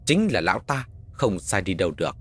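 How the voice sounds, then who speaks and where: Brief: male horror storyteller, husky and dry, lively rises and falls. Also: low-pitched, fairly quick. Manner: dramatic, expressive storytelling.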